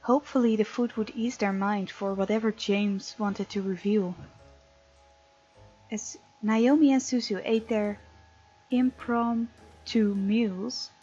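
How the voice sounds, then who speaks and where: Reading a visual novel's text aloud and adding her own remarks, this gaming host speaks slowly in a warm, steady, medium-pitched voice with a touch of breathiness. Game music runs beneath a dull, lo-fi mic.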